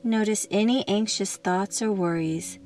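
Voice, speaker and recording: A woman with a mid-range voice guides a meditation, gentle, soothing and unhurried, with long pauses between phrases. Soft music plays in the background.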